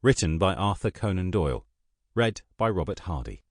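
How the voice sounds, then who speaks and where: A man's voice: sits low, big pitch swings, moderate pace, dry recording, studio quality. A man reading out scripted audiobook title credits as an announcer.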